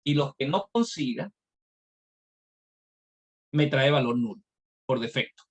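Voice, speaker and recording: A man's voice: mid-range voice, expressive, slow. Patient man teaching a data class. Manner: patient, explains step by step with many examples. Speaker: instructor. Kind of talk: live online data class.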